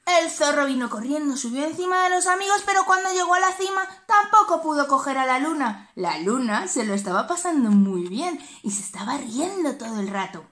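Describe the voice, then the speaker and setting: A woman's voice: high-pitched, a little fast, hardly any pauses. Teacher lady reading a kids' story, sing-songy, swoops up and down a lot. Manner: animated, sing-song and expressive. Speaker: preschool teacher. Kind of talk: storytelling for small children.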